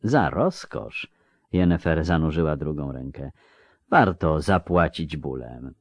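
A man voicing a sensual grown woman who murmurs slowly and softly, for a storybook reading. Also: very deep voice, expressive, no echo, voice pushed down, heavily acted. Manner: murmuring, slow and soft.

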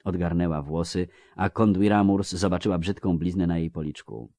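A man reading a fantasy novel aloud in a measured, dramatic way. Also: low-pitched, warm tone, no echo. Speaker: audiobook narrator. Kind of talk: scripted literary narration.

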